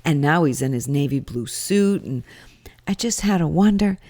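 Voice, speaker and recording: A woman with a slightly low voice delivers casual commentary as a personal recap. She is chatty and opinionated, with a wry edge to the way she talks. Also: animated, normal speed, a little mellow. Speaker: rally attendee giving commentary.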